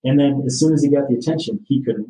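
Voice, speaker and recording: A man talks through a casual podcast interview in an easygoing, matter-of-fact way. His voice is mellow and relaxed. It is picked up from a distance in a roomy, echoey space. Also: mid-range voice, fast talker. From Michigan. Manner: easygoing, matter-of-fact, with frequent "you know". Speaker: sheriff's office captain, guest.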